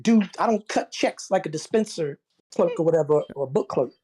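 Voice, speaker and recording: Dark-voiced, insistent man. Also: on the high side, expressive, brisk, breathy edge. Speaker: panelist, military medical veteran. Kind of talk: casual live panel chat.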